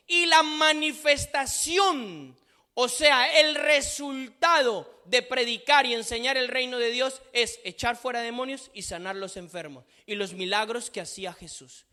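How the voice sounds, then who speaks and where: A man's voice: extremely high pitch, pushed and bright. A man preaching a sermon, reading scripture aloud and repeating phrases for emphasis.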